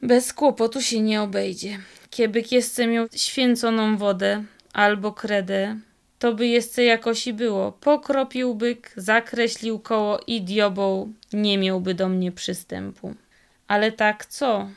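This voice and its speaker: A woman voicing a cunning old highland fiddler who speaks in a slow, drawling Podhale dialect. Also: fairly even intonation, creaky, clear, resonant tone. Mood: uneasy musing. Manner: slow, drawling folksy speech.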